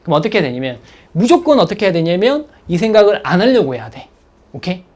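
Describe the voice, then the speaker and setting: Male instructor with a husky voice and a very lively delivery, frequently checks in with students. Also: sits high, fast. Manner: animated, checks in with listeners, acts out students' thoughts. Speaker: exam prep instructor. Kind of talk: lecture.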